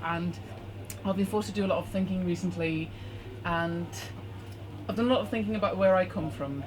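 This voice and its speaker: A woman from Norway, reading her own poem at a poetry night from her phone, measured and deliberate. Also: lowish voice. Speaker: performing poet. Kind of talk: spoken-word poetry reading. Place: bar hosting a poetry night. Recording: noisy live venue recording.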